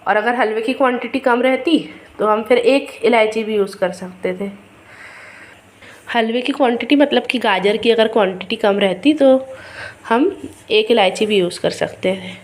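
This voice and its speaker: A middle-aged woman talks through a recipe in her kitchen video, her voice pitched a little high and roughened by a sore throat. She speaks casually and chattily, calling viewers friends and explaining each step. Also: normal speed. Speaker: cooking video host. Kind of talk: casual cooking demonstration.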